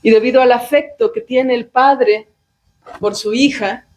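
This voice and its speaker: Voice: medium pitch, steady tone, measured pace, rough recording. A teacher tells a devotional story to a class, often checking in with the listeners through short tag questions. This speaker shifts into the characters' voices as the tale unfolds. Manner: acts out quoted characters.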